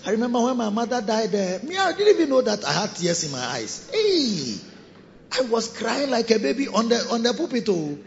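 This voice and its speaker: Bishop preaching in a reverberant cathedral. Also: male voice, very high voice, a little fast, creaky. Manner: animated preaching with sung phrases and sudden drops to soft asides. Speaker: bishop and pastor. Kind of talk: sermon. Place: large cathedral hall. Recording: dull recording with long hall reverb.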